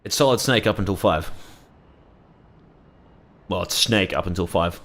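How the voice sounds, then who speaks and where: A man's voice: low-pitched, a little slow, a bit bright. A man giving casual live-stream commentary on a video game as its streamer. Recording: music and game audio behind.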